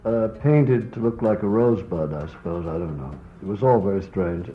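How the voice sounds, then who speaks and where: Deep male storyteller, wry and unhurried, played from old worn tape with a muffled, lo-fi sound. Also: expressive. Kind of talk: recounting an anecdote. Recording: dull lo-fi old tape with faint music.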